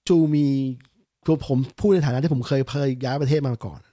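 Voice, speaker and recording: A man's voice: mid-range voice, a little fast, mellow, no echo, clean studio sound. A man co-hosting an interview, chatty and asking follow-up questions. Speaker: co-host. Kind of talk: casual interview chat.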